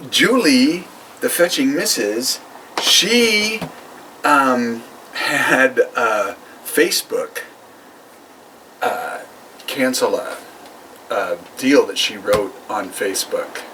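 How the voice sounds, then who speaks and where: Male co-host, slow and joking in casual banter over drinks; distant mic, loud background noise. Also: mid-range voice, animated. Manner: joking, laughs often. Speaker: podcast co-host.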